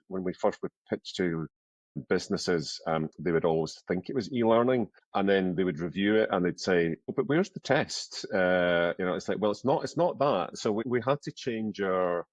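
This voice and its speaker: Deep-voiced Scottish man in his fifties. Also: no echo, dull audio. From Scotland. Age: 50s. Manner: chatty, self-deprecating, many fillers and restarts. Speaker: podcast guest. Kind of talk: casual interview conversation.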